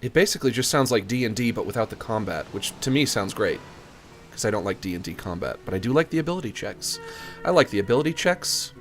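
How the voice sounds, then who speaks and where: A man's voice: expressive, fast talker, a bit bright. Sibilant male streamer, music behind. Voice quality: strong sibilance, hissy highs from the mic. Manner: rambling, joking, chuckles at own jokes. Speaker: video game streamer. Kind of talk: casual livestream chat. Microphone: expensive large-diaphragm studio condenser microphone.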